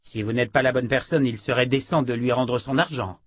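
A man reading aloud, voicing a calm young man who reasons firmly in an audiobook. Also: mid-range voice, a little fast, no room sound, studio quality, close to an everyday voice.

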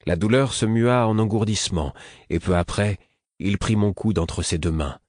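Deep, husky male audiobook narrator. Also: normal speed, a little mellow, no echo, studio quality. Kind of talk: scripted first-person narration.

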